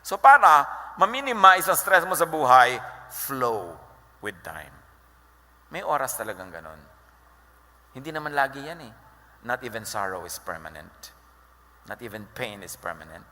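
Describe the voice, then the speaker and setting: Bright-voiced pastor preaching in a hall. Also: male voice, medium pitch, a little slow, long pauses. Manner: animated, mixing Tagalog and English, quoting scripture. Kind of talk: sermon. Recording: echoey hall with long reverb.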